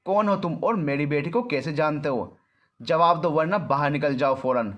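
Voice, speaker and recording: A man's voice: on the high side, normal speed, fairly bright tone, close to an everyday voice. A man voicing a stern, protective middle-aged mother in a storybook reading, scolding and demanding answers. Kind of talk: storybook narration.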